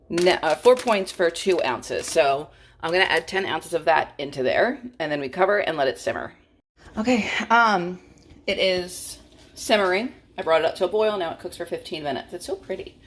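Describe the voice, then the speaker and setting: A woman vlogging about her food in a casual, chatty way, often breaking into informal asides and interrupting herself. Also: on the low side. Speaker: vlogger sharing meals and recipes. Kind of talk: casual cook-with-me vlog chat.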